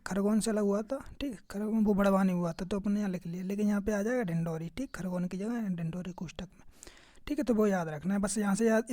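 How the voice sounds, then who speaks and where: A male exam-prep teacher talks through a casual lesson in a dark, mellow voice. He keeps checking in with "okay" and "remember this", quizzing his listeners as he goes. The sound is dry and close, with no room around it. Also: high-pitched, no room sound.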